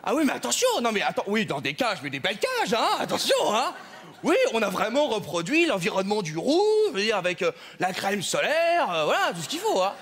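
A man's voice: high-pitched, huge pitch swings, fairly quick, a bit bright, breathy edge, full character voice. A man playing a fussy, mock-polite male census clerk at a counter in a stage comedy sketch, with stammering fillers. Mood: officious.

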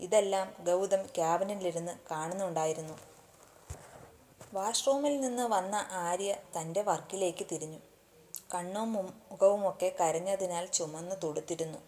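A woman narrating a romance story aloud in a steady, even reading manner. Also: on the low side, moderate pace, slight background noise.

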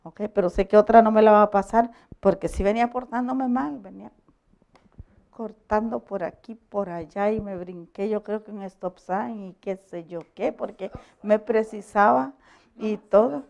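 A woman pastor giving a conversational sermon, telling animated stories, laughing often and checking that her listeners agree. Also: medium pitch, moderate pace, gravelly, lo-fi sound. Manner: animated storytelling, asks the audience for agreement; laughs often while preaching.

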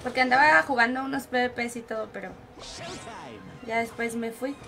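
A young Mexican woman with a Mexican Spanish accent streaming a game, excitable and giggly as she banters with her teammates. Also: on the high side, normal speed, creaky, music in the background. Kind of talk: live gaming commentary.

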